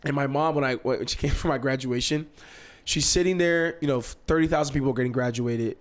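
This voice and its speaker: A young man from Nigeria hosts a podcast and talks in a loose, chatty way. His voice sits at a middle pitch, and he slips into quoted lines with bursts of laughter. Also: fairly quick. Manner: animated, acts out quotes with laughter. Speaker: podcast host. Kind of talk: casual storytelling chat.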